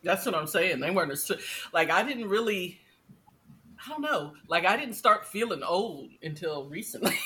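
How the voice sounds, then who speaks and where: A woman's voice: sits low, a bit bright. A woman in her fifties co-hosting a podcast, chatting casually and often stopping to restart her sentences. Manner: rambling, self-interrupting, chatty. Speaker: podcast co-host. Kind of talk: casual chat.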